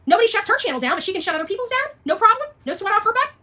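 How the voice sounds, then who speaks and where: With a very high-pitched, bright, forceful voice, a woman rants unscripted on her livestream, very animated and very fast. She answers viewer comments combatively and emphatically, hammering repeated phrases and rhetorical questions.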